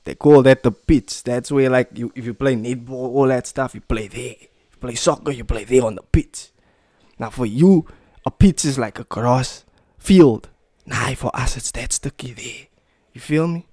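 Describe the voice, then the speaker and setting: A man's voice: medium pitch, normal speed, dry recording. A young man with a broad Cape Town South African accent giving casual, slangy music reaction commentary, emphatic and repeating himself, close on a studio microphone. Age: young adult. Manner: animated, emphatic, repetitive, swearing. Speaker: music reaction video host. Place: small plain room indoors. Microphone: close studio microphone on boom arm.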